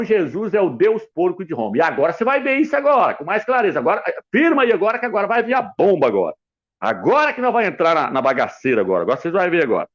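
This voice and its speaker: Insistent preacher, slightly high voice. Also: male voice. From Brazil. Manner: repetitive, insistent, addresses viewer directly; writes letters out while explaining. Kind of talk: emphatic Bible teaching. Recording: dull lo-fi recording.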